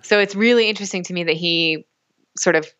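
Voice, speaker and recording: A woman's voice: lowish voice, quick pace, a bit bright, dull audio. A woman language researcher answering interview questions with enthusiasm.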